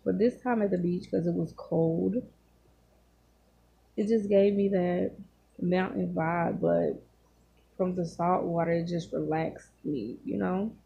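Lady doing story time while eating, mouth full, croaky husky voice, casual phone vlog. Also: fairly low pitch, steady tone, dull audio. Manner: talking with mouth full, pausing to chew. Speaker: vlogger. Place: small home room, indoors. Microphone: phone at arm's length.

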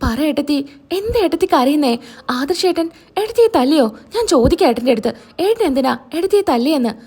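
Woman playing a fired-up young guy sticking up for family, pushy questions, voice stays high and lively. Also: fast talker. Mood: indignant. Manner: pressing, indignant questions. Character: protective young man, brother-in-law, hot-headed.

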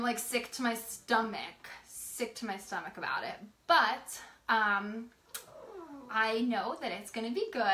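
A woman's voice: a little high, pushed and bright. A young woman in casual chat with her viewers, telling stories and laughing as she talks at home with a toddler nearby. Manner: chatty, laughing, retells stories with quoted voices. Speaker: vlogger. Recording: echoey room, faint background hum.

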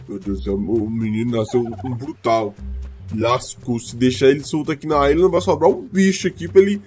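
A man role-playing a worried creature father guarding his island in a let's-play, talking in an excitable, exclaiming way. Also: medium pitch, brisk, breathy edge, soft background music. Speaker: gameplay role-player.

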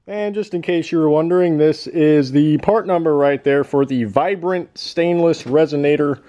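A man vlogging about his car build in excited, rambling, slangy casual talk. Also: on the high side, moderate pace, dull audio. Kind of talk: casual vlog commentary.

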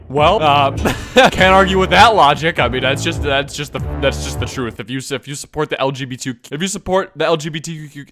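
Sarcastic young man over background music. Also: a little high. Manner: sarcastic, mock-serious, breaks into laughter. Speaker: YouTube commentator. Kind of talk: comedic commentary reading posts aloud. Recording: music bed under the voice.

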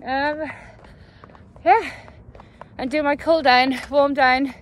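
Speaking slowly in a high-pitched voice with fairly even intonation, a woman vlogs outdoors on a cold night from a handheld phone. It's a casual running vlog, and she is chatty, rambling and breathless from running.

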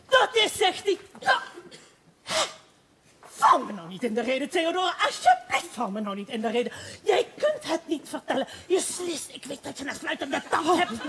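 A woman acting an excitable gossiping townswoman in a stage play, rambling and breathless with giggles. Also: high voice, husky, heavily acted.

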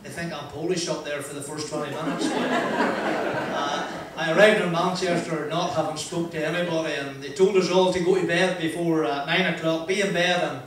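An older Northern Irish motivational speaker, voice a touch high with fairly even intonation, rambles through a self-deprecating anecdote for a seated audience in a large wood-panelled function room. He uses a handheld mic and chats with frequent "uh" pauses and laughs. He's heard from some distance in the echoing room, with a noisy background.

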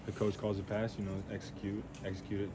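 Fast and monotone, a young college quarterback answers reporters after a game in his fairly low voice, using many fillers and plain words. The press Q&A takes place in a noisy weight room, recorded on handheld reporter mics.

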